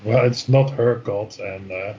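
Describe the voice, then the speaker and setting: A man's voice: fairly low pitch, fairly even intonation, measured pace, a little mellow. A man playing in a tabletop game, chatting and teasing the others in a dry way. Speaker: player. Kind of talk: casual tabletop game chat. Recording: dull lo-fi mic with faint hiss.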